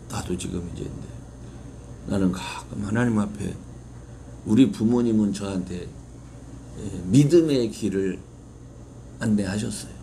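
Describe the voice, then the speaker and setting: A man's voice: low voice, creaky, dark tone, slight background noise. A male pastor preaching an impassioned sermon, putting rhetorical questions to his congregation. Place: church sanctuary.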